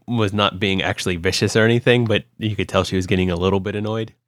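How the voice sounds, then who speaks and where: A man's voice: low-pitched, steady tone, fast, no room sound, clean studio sound. A young man from Ohio co-hosting a podcast, telling stories in a casual, rambling way with lots of fillers and restarts. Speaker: podcast co-host. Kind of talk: casual chat.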